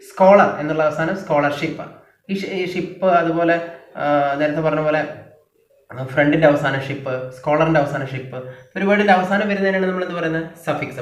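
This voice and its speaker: A man with a Malayali accent teaching a phonetics lesson, slowly and patiently, repeating word lists for his students. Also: on the high side. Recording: echoey room from far off.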